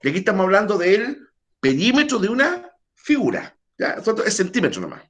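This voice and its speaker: Male math teacher on a video call, fairly high and animated, chatty, questions students. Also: a little fast. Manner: quizzes students, chatty asides. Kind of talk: virtual math class.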